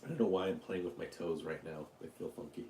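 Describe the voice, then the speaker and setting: A man's voice: deep voice, fairly even intonation, quick pace, mellow, echoey room, slight background noise. A man from Utah hosting a casual live stream, rambling, joking and answering questions from his chat. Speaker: YouTube livestream host.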